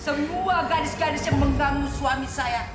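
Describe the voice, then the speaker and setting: A woman playing a murderous, jealous wife in a horror film, taunting her victim slowly and menacingly with laughter. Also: sits high, lightly acted. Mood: menacing gloating. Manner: taunting, slow and menacing, laughing between shouted orders. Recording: echoey, loud music and crowd noise.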